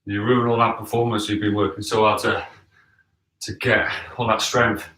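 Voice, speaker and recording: Male fitness instructor, thirties, casual and encouraging explainer with a bright voice, slightly distant in a roomy space. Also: fairly low pitch, little pitch movement, normal speed. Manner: encouraging, checks in with "okay?" and "all right?". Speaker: fitness coach leading a home workout. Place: living room with wooden floor, indoors. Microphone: camera a few metres away. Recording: echoey room, distant from the mic.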